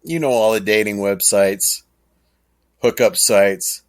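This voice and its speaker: A man hosting a podcast, talking casually in a rambling, chuckling way. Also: lowish voice. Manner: rambling, chuckling, slow and drawn out. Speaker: podcast host. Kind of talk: casual monologue.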